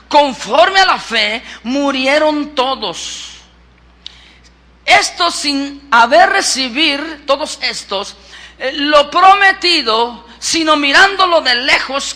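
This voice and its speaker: A man with a Mexican accent, a pastor preaching a lively sermon and questioning his congregation. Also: very high voice. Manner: lively, acts out scripture, asks the congregation questions.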